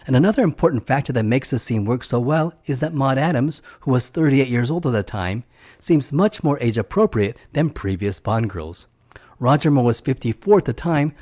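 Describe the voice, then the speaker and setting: A man's voice: mid-range voice, darkish tone. Enthusiastic middle-aged man recapping a film. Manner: enthusiastic, chatty, personal asides. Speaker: film reviewer. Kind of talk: scripted film recap narration.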